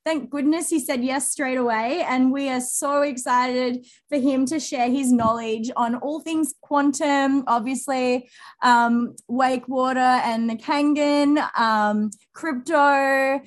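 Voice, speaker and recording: A woman's voice: high-pitched, steady tone, slow pace, no room sound, studio quality. A woman co-hosting a podcast, chatting in a bubbly, gushing way full of fillers. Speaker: podcast co-host. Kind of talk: casual chat.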